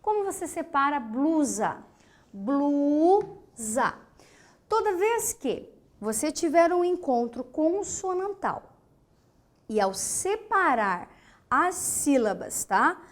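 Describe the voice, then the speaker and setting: Brazilian woman teacher, high voice, slow and emphatic, repeats key words. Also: very animated. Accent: Brazilian Portuguese. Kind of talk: classroom grammar lesson.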